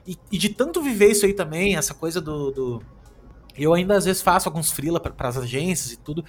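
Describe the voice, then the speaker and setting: Man co-host, relaxed and emphatic. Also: fairly high pitch, fairly quick, soft background music. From Brazil. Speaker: podcast co-host. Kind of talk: casual chat.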